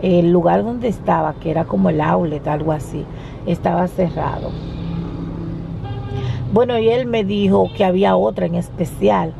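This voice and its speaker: A woman's voice: lowish voice, normal speed, vocal fry, background noise. A woman vlogger chatting casually to her viewers from inside a car, laughing often, recorded on a phone. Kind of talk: casual chat to camera. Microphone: phone camera.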